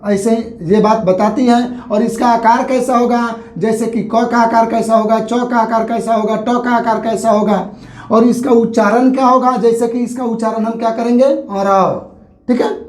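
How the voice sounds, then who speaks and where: A male teacher giving a grammar lesson at a board, explaining slowly and repeating each point with a check-in. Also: extremely high pitch, fairly even intonation, darkish tone. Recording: echoey room.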